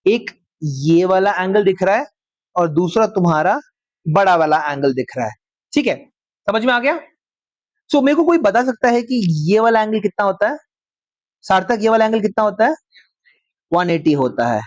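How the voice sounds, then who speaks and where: A man teaching a maths class, dictating slowly word by word and often checking whether the students follow. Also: high-pitched, sing-song, dry recording, muffled recording. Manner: slow dictation word by word, checks with frequent questions. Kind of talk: live class lecture.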